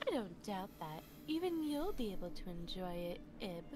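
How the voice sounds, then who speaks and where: A woman's voice: medium pitch, very animated, moderate pace, music in the background, natural voice. Woman doing a posh prim mother. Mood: posh, instructive. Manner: posh, patronizing, primly instructive. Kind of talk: reading game dialogue aloud on stream.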